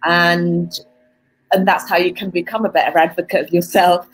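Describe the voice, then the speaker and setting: A woman's voice: fairly low pitch, steady tone, moderate pace, slight background noise, rough recording. A woman speaking as an interview guest in a casual, reflective way, thinking aloud as she goes. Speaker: interview guest, author on art marketing.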